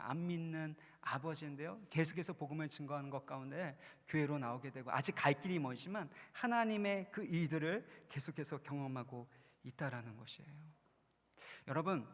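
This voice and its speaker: A man's voice: on the high side, fairly bright tone. A pastor in his forties giving a conversational, storytelling sermon at a youth retreat, building to earnest, emphatic points. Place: large church hall. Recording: long reverb in a large hall.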